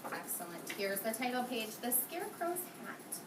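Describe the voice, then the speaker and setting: Far from the mic, a kindergarten teacher runs an interactive read-aloud for young children in a spacious, noisy indoor classroom. She speaks at a moderate pace in a voice on the high side, very animated, posing questions and repeating the kids' answers.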